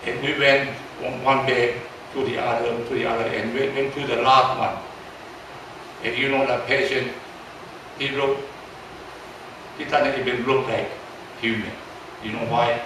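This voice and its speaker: Halting and repetitive, a seventy-something pastor with a Taiwanese accent tells stories in a sermon and questions his audience. His voice is middle-pitched and flat, captured by a distant mic in a very echoey church hall with clear underlying noise.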